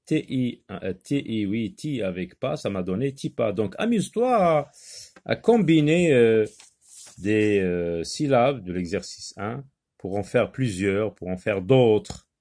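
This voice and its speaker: A man teaching a children's French reading lesson, slowly sounding out syllables with many hesitant fillers. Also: on the low side, darkish tone.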